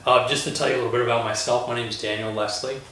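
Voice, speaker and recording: A man from Colorado, a lawyer, hosting a relaxed panel chat, talking with many fillers and pauses. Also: mid-range voice, slight background noise. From Colorado, USA. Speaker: host, lawyer. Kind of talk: casual panel conversation. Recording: roomy echo, distant mic.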